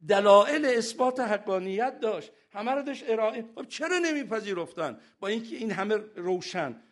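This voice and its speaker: A man with a notably high voice delivers a sermon into a lecture mic. He keeps asking his listeners rhetorical questions. When he recites scripture, he slows down and draws out each phrase. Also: animated. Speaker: preacher.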